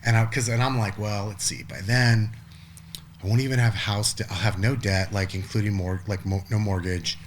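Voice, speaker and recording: A man's voice: fairly low pitch, steady tone, moderate pace, a little hiss or hum. A man in his forties, a podcast guest, talking casually in a rambling way with lots of restarts and the odd swear word. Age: 40s. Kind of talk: casual conversation.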